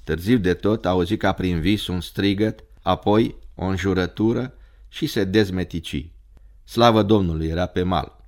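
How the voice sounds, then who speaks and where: Guy reading a spooky story out loud, lowish voice, steady dramatic pace. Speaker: narrator.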